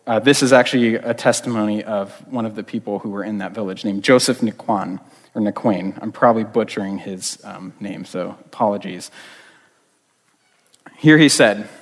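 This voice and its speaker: A man's voice: fairly low pitch, normal speed. A man preaching a sermon as a youth pastor, talking conversationally with many fillers and restarts. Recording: long reverb of a large hall.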